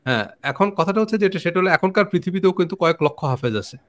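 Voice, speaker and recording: A Bangladeshi man hosting a religious discussion, explaining his position in a measured way with pauses and fillers. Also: high voice, expressive. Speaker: host.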